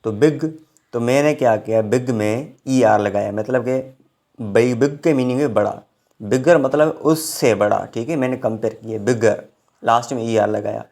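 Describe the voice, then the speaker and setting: Man, online grammar lecture, step-by-step, mid pitch. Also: darkish tone. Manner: explains slowly, with frequent check-ins. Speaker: English grammar teacher.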